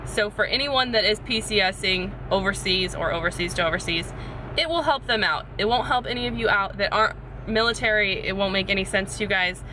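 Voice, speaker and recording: Chatty woman vlogging in a rainy car. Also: medium pitch. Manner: chatty, explanatory. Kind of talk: casual vlog chat to camera. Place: inside a parked car in pouring rain. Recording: noisy rain drumming on car. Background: loud rain on the car.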